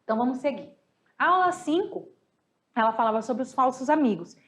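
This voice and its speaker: A woman's voice: sits high, lively intonation, a little fast. A woman teaching a recorded review lesson, talking affectionately to her students and explaining step by step with paired examples. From Brazil. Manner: affectionate, chatty, addresses students as "galera". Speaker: Spanish teacher.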